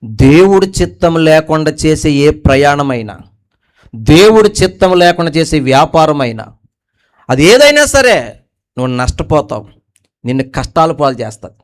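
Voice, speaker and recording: A male pastor delivers a sermon in a high, smooth, resonant voice. He keeps throwing questions at the congregation and drops from forceful emphatic lines to quiet, low asides. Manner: preaching with call-and-response questions to the congregation.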